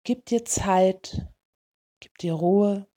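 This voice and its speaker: A woman leading a guided meditation in a soothing, gentle way, in short unhurried phrases. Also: medium pitch. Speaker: meditation guide for dog owners.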